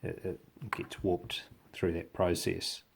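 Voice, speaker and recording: Deep, creaky-voiced New Zealand man. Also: completely flat delivery, slow pace. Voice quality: gravelly, low voice. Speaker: hobby tutorial presenter. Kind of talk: casual hands-on demonstration.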